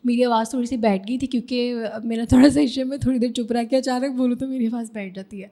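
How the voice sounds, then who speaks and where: A young woman with a Pakistani Urdu accent tells her story in a relaxed interview. Her voice sits fairly high but sounds soft and warm. She talks freely and clears her throat from time to time. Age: young adult. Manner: chatty, often clears her throat, self-deprecating laughs. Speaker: guest, social media influencer. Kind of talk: casual interview chat.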